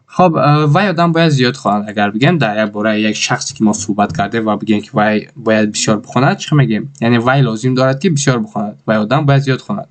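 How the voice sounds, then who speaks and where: A man with a Tajik accent teaching an English lesson, repeating each phrase slowly word by word. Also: fairly low pitch.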